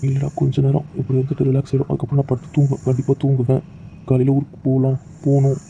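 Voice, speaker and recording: A man voicing a heartbroken young man who is soft-spoken, pleading and close to tears in an amateur audio drama. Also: mid-range voice, monotone, rapid-fire, creaky, dull audio, a little hiss or hum, lightly acted. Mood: sad, pleading. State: tearful.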